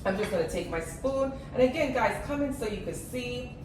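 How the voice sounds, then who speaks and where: A cooking channel host walks viewers through a casual demo step by step, chatting away and addressing them as "guys" as she cooks at home. Her voice is a little high and expressive at a normal speed, captured by a distant mic in an echoey, noisy kitchen.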